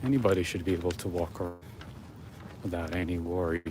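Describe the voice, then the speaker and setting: A man's voice: low voice, fairly even intonation, quick pace, music in the background. A man walking and talking outdoors, rambling casually to viewers as he livestreams. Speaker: live streamer. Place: outdoors on an urban waterfront. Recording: outdoor urban ambience, traffic noise.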